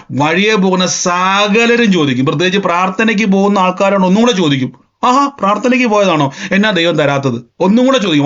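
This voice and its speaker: A man's voice: high voice, fairly bright tone. A man preaching a sermon emphatically, repeating phrases and acting out scenes. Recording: dull lo-fi sound.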